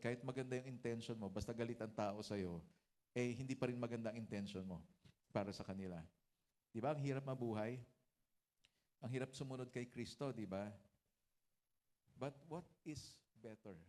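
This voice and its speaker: A man's voice: mid-range voice, normal speed, pauses often, darkish tone. Filipino man preaching with tag questions. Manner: conversational Taglish preaching with frequent tag questions. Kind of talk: sermon.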